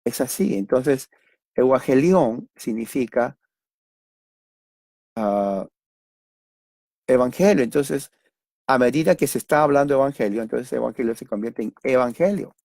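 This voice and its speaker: A man's voice: medium pitch, expressive, a little slow, long pauses, darkish tone, no echo, clean studio sound. Man preaching a conversational Bible lesson. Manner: conversational, frequent "¿no?" tag questions and hesitant fillers; repeats and rephrases points while explaining. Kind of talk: expository Bible teaching.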